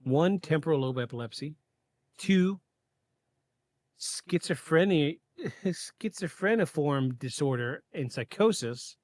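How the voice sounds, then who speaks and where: A man hosting a podcast, reading a prepared script in a measured way, with occasional stumbles and quick asides. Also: fairly high pitch, expressive, a little mellow, no room sound, studio quality. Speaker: podcast host. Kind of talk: scripted narration of a paranormal case.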